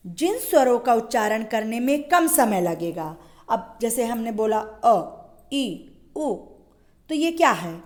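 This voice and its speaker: A woman's voice: fairly high pitch, sing-song, unhurried, a little mellow. A woman schoolteacher giving a Hindi grammar lesson, asking questions and answering them herself, drawing out example sounds. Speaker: school teacher.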